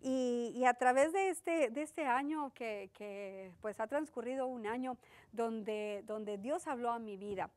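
A woman's voice: a little high, unhurried, darkish tone, no echo. A woman with a Mexican accent giving a conversational sermon, repeating her phrases and often asking "¿verdad?". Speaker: preacher.

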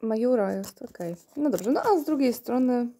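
A woman's voice: on the high side, expressive, normal speed, dark tone. A woman unboxing toys at home in casual chat, recorded on a tablet, often laughing and talking to her puppy. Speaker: unboxing vlogger.

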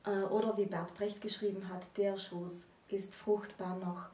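With a dark, mid-range voice that barely moves in pitch, a thirtysomething woman explains literature at a measured pace as a co-host talking to camera. She's indoors among bookshelves; the far-off mic gives a roomy echo, with a slight hiss or hum.

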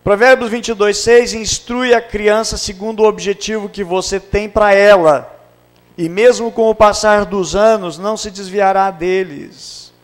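A middle-aged man preaches, his voice sitting a little high for a man. He tells family stories in a sermon, acting out the dialogue and moving between loud, raised passages and low, hushed ones. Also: steady tone, unhurried. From Brazil. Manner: storytelling with acted dialogue, swings from loud to hushed. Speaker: pastor.

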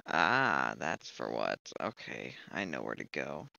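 A man's voice: rumbling low, very animated, slow, gravelly, sharp tone, no echo. A man playing a horror game, talking to himself and reading notes aloud with jumpy reactions, on a close mic. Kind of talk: let's play commentary. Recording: dry, slightly muffled lo-fi mic.

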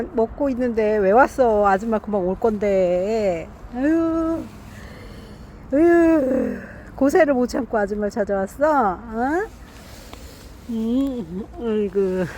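A middle-aged woman outdoors, talking to stray cats in a coaxing, teasing baby-talk way with soft laughs. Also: a little high, slight background noise. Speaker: cat feeder vlogger. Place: outdoors among grass.

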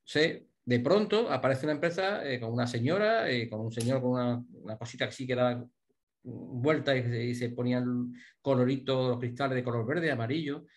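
A middle-aged man from Spain, a hotel director telling jokey anecdotes in a relaxed interview, with many restarts. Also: medium pitch, a little fast. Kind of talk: casual interview, storytelling.

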